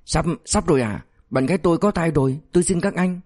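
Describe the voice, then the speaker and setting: A man's voice: a little high, normal speed, darkish tone, no room sound, studio quality, natural voice. A man voicing a frightened male drug dealer who pleads and stammers for mercy. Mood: begging. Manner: whiny, begging, stammering.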